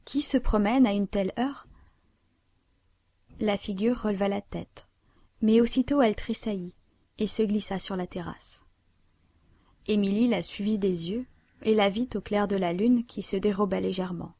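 A woman narrating a classic novel aloud in a measured, even reading style. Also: medium pitch, no room sound. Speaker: audiobook narrator.

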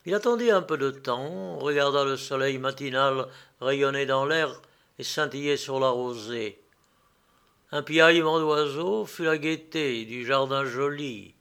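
Un homme qui lit à voix haute un conte littéraire, posément, avec quelques hésitations. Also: male voice, mid-range voice, vocal fry, fairly bright tone, smooth. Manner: measured, unhurried, a few fillers. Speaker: reader. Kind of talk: reading a literary tale aloud.

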